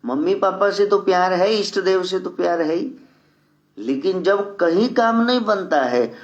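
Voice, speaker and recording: A man delivers a devotional sermon at a very slow, earnest pace. His voice sits somewhat high for a man. The recording is dull and lo-fi. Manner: slow, earnest preaching mixed with sung mantras. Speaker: spiritual teacher.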